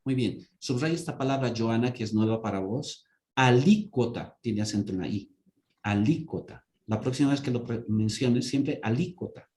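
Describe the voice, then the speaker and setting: A man teaches accounting to a class, walking through everyday examples. He keeps checking that his students follow along. His voice is mellow and sits in a roomy, echoing space. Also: medium pitch, a little fast, hardly any pauses. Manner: asks students for confirmation with repeated "¿sí?". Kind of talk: online class lecture.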